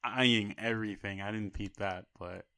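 A man's voice: fairly low pitch, steady tone, moderate pace, creaky, sharp tone. A man in a casual movie discussion, critical and emphatic when he objects to how a story ends.

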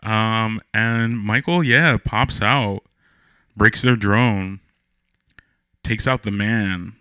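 A man co-hosts a relaxed film chat, speaking slowly and stopping often for fillers and restarts. His voice sounds bright and forward. The recording is dry and close to the mic. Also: fairly low pitch, smooth, dry recording. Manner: halting, many fillers and restarts. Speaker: podcast co-host. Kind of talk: casual film discussion.

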